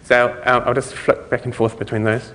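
A middle-aged man giving an informal conference lecture, explaining things in a halting way with trailing thoughts. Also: mid-range voice, little pitch movement, a bit bright. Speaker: conference speaker. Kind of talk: technical lecture to an audience. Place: conference lecture room, indoors. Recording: reverberant hall recording.

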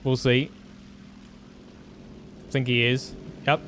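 A man's voice: medium pitch, flat delivery, extremely slow, noisy background. A man commentating his own flight-combat gameplay, laughing often and cracking up at his wins. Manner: giggly, breaks into frequent laughter. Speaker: gaming commentator.

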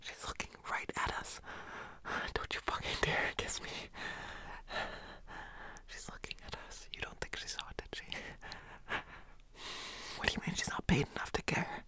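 In an intimate roleplay audio, a woman with a low-sitting voice plays a nervous, pouty student, stammering and scolding in a breathy, hushed tone.

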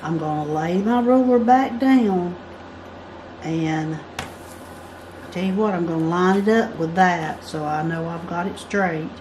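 Working at a table indoors, an American craft instructor explains her drawing lesson step by step in a chatty, measured way, her voice fairly low. A camera mounted above the table captures her, and faint background noise lies beneath her speech.

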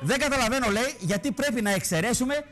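A man's voice: very high-pitched, expressive, music in the background. A man hosting a TV show, giving mocking, theatrical satirical commentary on politics. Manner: mocking, theatrical, mimics bells and voices. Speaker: TV show host.

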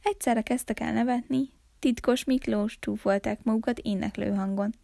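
A woman from a town library reading a children's Christmas story aloud in a calm, expressive way. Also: on the high side, vocal fry, dry recording, studio quality.

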